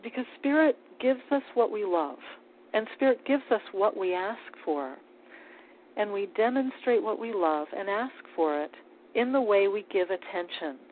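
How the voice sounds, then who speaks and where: A woman giving a calm, measured spiritual talk on prayer, with small restarts as she speaks. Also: mid-range voice. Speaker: spiritual teacher. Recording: tinny phone-like line with faint hiss.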